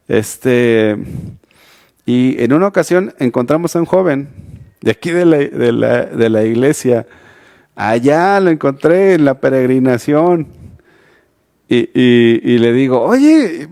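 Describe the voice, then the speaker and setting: In a church sermon streamed online, a Mexican-accented youth pastor talks to young people in a casual style, often restarting and tossing out rhetorical questions. He has a mid-range, somewhat mellow voice.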